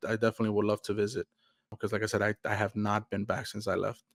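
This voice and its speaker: A man's voice: on the low side, completely flat delivery, fast, creaky, no room sound, studio quality. A young man from Mexico, co-hosting a podcast in a loose, rambling casual chat full of fillers. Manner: laid-back, rambling with many fillers. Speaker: podcast co-host.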